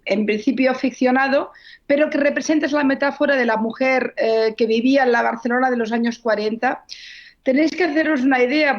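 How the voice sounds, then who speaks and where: A woman speaks in a slightly high voice, recounting history as an author in an interview. She talks fluently and earnestly, stopping now and then to correct herself. The recording is dull and lo-fi. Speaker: novelist guest. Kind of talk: interview answers, storytelling.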